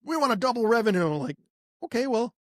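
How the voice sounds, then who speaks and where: Talking fast and animatedly in a very high-pitched, slightly bright voice, an American man co-hosts a podcast in casual conversation. He owns a marketing agency, asks rhetorical questions and acts out imagined clients, all in a dry, studio-quality recording.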